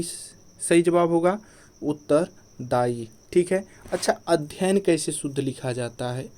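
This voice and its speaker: A man's voice: on the high side, mellow. A man teaching an exam-prep Hindi grammar lesson, who repeats each point as a question to the class and then answers it himself.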